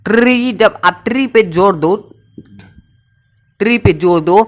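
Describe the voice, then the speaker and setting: A man teaching an English pronunciation lesson, repeating sounds slowly and stressing each syllable, asking and then answering his own questions. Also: high-pitched.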